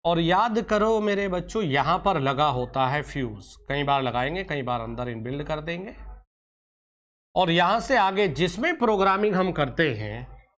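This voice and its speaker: A man with an expressive, fairly bright voice on the high side teaches an online exam-prep lecture. Fond and teacherly, he calls his students "beta" and "pyare bachche," coaxing and sometimes scolding them, and slowly draws out key terms for emphasis.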